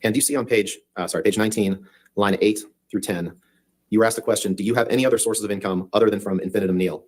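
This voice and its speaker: Rapid, husky male cross-examiner. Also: fairly low pitch. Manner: pressing, leading tag questions. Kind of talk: courtroom questioning. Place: courtroom.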